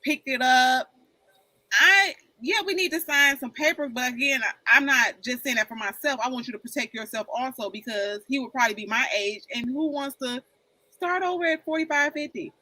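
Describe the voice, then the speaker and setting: Bright-voiced woman in her forties, candid. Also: high voice, normal speed, dry recording, low-quality recording. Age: 40s. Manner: candid, rambling, repeats "like I said". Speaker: panel guest. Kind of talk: casual chat.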